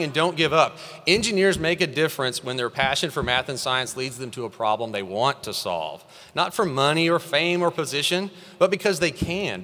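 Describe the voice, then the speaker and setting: A man's voice: mid-range voice, bright, forceful tone. A man in his thirties from Texas giving an earnest, encouraging commencement address at a podium microphone in a large hall. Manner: earnest, encouraging, rising emphasis on key phrases. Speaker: commencement speaker. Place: large hall at a graduation ceremony. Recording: long reverb of a large hall.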